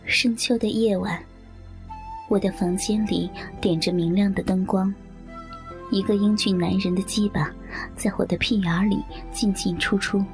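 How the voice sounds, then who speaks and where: A woman reading a first-person story aloud in a soft, half-whispered delivery. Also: mid-range voice, fairly even intonation, a little slow, soft background music.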